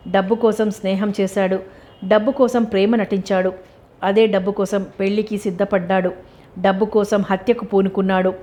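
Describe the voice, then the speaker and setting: A woman's voice: medium pitch, moderate pace. Woman narrating a novel aloud. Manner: steady, expressive reading. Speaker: novel reader. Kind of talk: storybook narration.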